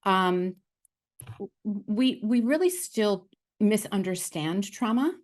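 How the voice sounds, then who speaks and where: A podcast host with a mid-range, slightly mellow voice speaks slowly but animatedly, laying out her view thoughtfully and affirmingly. She often checks in with "right?" in this conversational commentary.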